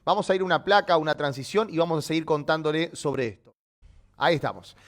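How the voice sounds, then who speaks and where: A man with a high voice teaches a live online Bible lesson. He explains patiently and stops often to check that his listeners follow. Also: fast.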